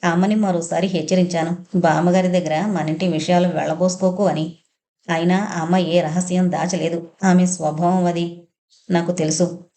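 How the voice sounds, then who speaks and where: A woman narrating a first-person audio novel in a steady, even storytelling manner. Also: fairly low pitch, normal speed.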